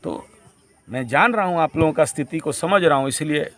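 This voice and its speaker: A man with a high voice lectures a camp group. He preaches in a repetitive way and drops English phrases into his teaching. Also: animated, a little fast, a bit bright.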